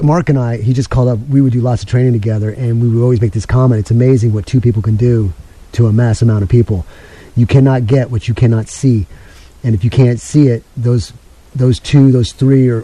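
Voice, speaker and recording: A man hosting a call-in radio show, talking in a quick, chatty, rambling way and taking callers. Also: medium pitch, dark tone.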